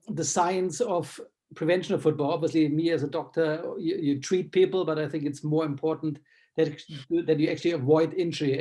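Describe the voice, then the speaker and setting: A man's voice: fairly high pitch, darkish tone. A man who is a doctor hosting an online interview, friendly and full of ums as he asks questions. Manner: friendly, with many ums while asking questions. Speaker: doctor and host.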